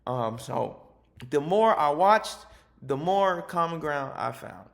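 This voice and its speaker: A man's voice: on the high side, animated, takes it slowly, vocal fry. A man who works as a teacher, giving a passionate, emphatic spoken personal reflection.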